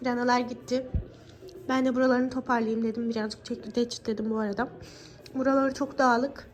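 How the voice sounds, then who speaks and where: A young woman and mother chatting casually to her viewers in a home vlog. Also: fairly high pitch. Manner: chatty, addresses viewers as friends. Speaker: vlogger and mother. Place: family home. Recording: noisy home recording.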